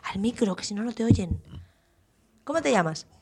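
A woman's voice: fairly high pitch, animated, normal speed, darkish tone, slight background noise. Patient woman coaxing small children. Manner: patient, coaxing, asks many questions. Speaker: teacher hosting a children's school radio show. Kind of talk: gentle questioning talk with small children.

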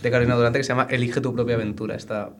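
A man's voice: medium pitch, level tone, racing. A man from chats in a laid-back way as a radio co-host. His sentences trail off into a mumble, with a faint hiss behind him. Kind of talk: casual chat.

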